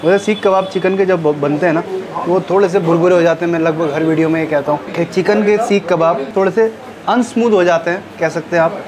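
Tasting food in a small eatery, a middle-aged vlogger chats with brisk enthusiasm in a high-pitched voice. His lapel mic catches background music under his voice and a crowd behind him.

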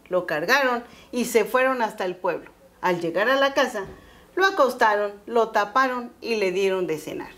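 A woman narrates an oral folktale with lively expression. Her voice sits a little high. She tells the story as a guest on a storytelling program.

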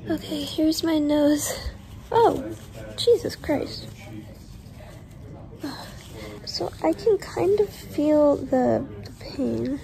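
A woman's voice: high voice, expressive, very slow, creaky, pauses often, mellow, rough recording. A woman vlogging casually about recovering from nose surgery, talking through heavy congestion and often dropping to a whisper. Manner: chatty, often drops to a whisper.

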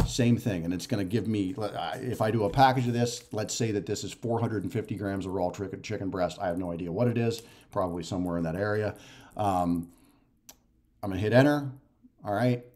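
Speaking a little fast in a lowish, somewhat mellow voice, a fitness and nutrition coach in his forties teaches to camera from his living room. He explains casually and repetitively, step by step, often checking in with "right?" or "okay?".

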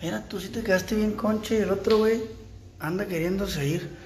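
A man's voice: sits high, moderate pace, a little hiss or hum. A young man with a Sinaloan Mexican accent, vlogging casually at home with a sore throat and talking crudely but kindly to stray cats. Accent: Sinaloan Mexican Spanish. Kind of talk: casual vlog chat. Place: house at home during rain.

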